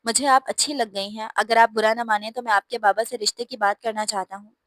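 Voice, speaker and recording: A bold young man from a storybook who speaks his mind, read by a woman. The voice sits a little high and sounds dry and close. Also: steady tone, fairly quick, fairly bright tone, dry recording, lightly acted. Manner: forthright, complaining.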